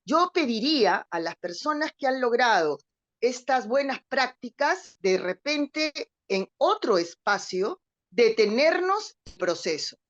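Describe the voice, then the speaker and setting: A woman's voice: on the high side, sing-song, takes it slowly, a bit bright. Woman on a choppy, breaking-up call. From Peru. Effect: choppy audio, breaking up over a bad connection. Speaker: seminar participant. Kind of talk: remarks in an online seminar. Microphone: video call. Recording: muffled online call audio.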